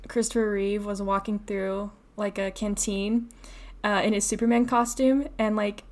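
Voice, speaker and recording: A woman's voice: mid-range voice, little pitch movement, normal speed. A woman co-hosting a podcast in casual chat, hesitant and filling gaps with um and like. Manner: hesitant, full of ums and likes. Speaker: podcast co-host.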